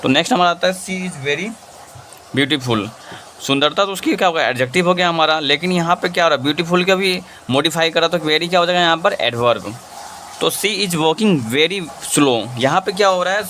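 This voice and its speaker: A man's voice: fairly high pitch, moderate pace, pushed and bright, slight background noise. A man teaching English grammar in a lesson, explaining in Hindi and reading English examples in an Indian accent, often asking and answering his own questions. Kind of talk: classroom-style lesson.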